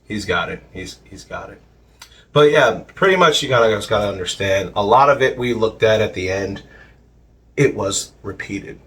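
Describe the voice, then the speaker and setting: A man co-hosting a casual podcast, cracking crude jokes and laughing loudly. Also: on the low side, lively intonation, moderate pace. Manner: crude joker, loud laughs. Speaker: podcast co-host. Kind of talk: casual podcast reaction chat.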